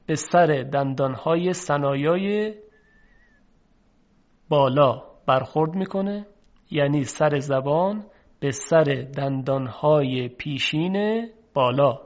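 A man teaching how to pronounce Arabic letters, speaking slowly and deliberately and repeating each sound for the listener to practice. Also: fairly high pitch. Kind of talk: recorded pronunciation lesson. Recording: dull lo-fi recording.

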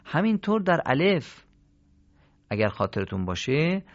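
A man's voice: fairly low pitch, gravelly, a bit bright. Male recitation teacher, didactic question-and-answer delivery, lo-fi lesson recording. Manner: didactic, poses questions and answers them, stretches example words. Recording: slightly dull lo-fi recording.

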